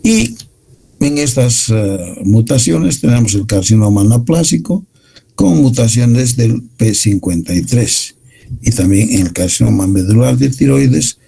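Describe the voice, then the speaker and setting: Slow gravelly male medical lecturer. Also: mid-range voice, animated, dark tone, low-quality recording. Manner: measured explanatory lecturing with slides. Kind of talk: university lecture.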